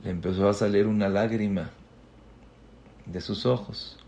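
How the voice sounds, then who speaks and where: Slow, emotive man preaching. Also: fairly low pitch, steady tone. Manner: emotive, swings between loud outbursts and hushed tones. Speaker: religious teacher. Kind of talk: storytelling sermon.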